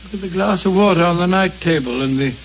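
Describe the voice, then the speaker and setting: An actor playing Doctor Watson, an earnest and loyal English doctor, narrating and speaking plainly in a radio drama. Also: male voice, high voice, fast. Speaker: narrator and companion. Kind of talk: 1940s radio acting. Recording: muffled old radio broadcast, faint hiss.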